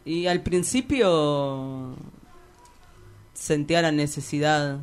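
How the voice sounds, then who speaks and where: A young Argentine woman, a poet, speaks slowly in a low voice over slight background noise. As a guest in a casual interview, she rambles with a Rioplatense accent, hesitating, dropping slang and giggling.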